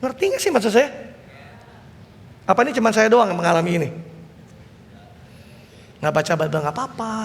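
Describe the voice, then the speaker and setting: A man preaching a sermon as pastor, telling family stories and acting out the voices of his children and parents. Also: high-pitched. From Indonesia. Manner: animated storytelling, acting out family dialogue. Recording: reverberant church hall with faint noise.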